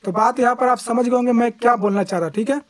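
Fast-talking high-voiced man teaching. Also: fairly even intonation, no room sound. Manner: chatty, repeats fillers, frequent restarts. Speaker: YouTube tutorial host. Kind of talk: casual screen-recorded tutorial. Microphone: lapel mic.

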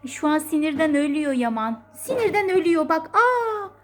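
A woman's voice: high-pitched, lively intonation, brisk, darkish tone. A woman at home filming her cats on a phone, giving casual running commentary, laughing often and playfully cooing at and scolding them.

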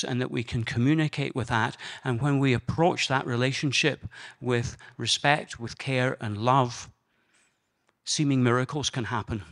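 An older Scottish man speaks to a conference audience, telling his personal story in an earnest, measured way. His voice is of middling pitch for a man. He talks into a handheld microphone in a conference room. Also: a bit bright. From Scotland.

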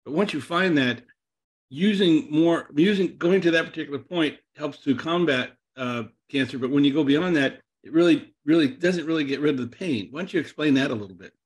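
A man's voice: on the high side, a little fast. A man hosting a webinar, presenting slides in a loose, rambling way with repeated words and restarts. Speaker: webinar host.

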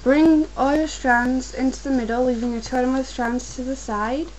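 This young woman, catching a cold, teaches a craft step by step at a home desk, with patience and repetition, at times going slowly and carefully. Her high voice is steady and darkish, and the recording cuts off the highs and has slight background noise.

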